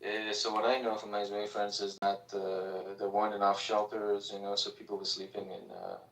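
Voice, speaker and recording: Lower-voiced man in a roomy echo. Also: level tone, a little fast, creaky, a bit bright. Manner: hesitant, lots of uh. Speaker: panelist. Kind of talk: casual live discussion. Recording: roomy, distant mic.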